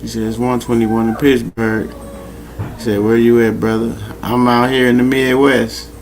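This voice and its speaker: A man's voice: mid-range voice, little pitch movement, normal speed, slight background noise. A man casually hosting a late-night livestream, talking in slang and repeating his greetings over and over to the chat. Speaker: livestream host. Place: home, late at night, dogs nearby.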